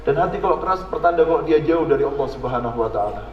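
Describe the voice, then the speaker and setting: A man preaches in a fairly high voice with a Javanese-tinged Indonesian accent, putting questions straight to his listeners and asking for their agreement. His voice rings through a gathering hall with a long reverb. The recording is dull and lo-fi, with faint noise behind it. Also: lively intonation, racing. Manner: questions the audience directly and asks for their agreement. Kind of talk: religious sermon. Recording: echoey hall, dull lo-fi sound.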